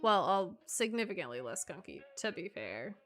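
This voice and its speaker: A woman's voice: on the low side, sing-song, moderate pace, a bit bright, soft background music. A young woman streaming from home at a desk mic, chatting casually, laughing often and cooing praise at her dog. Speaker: live streamer.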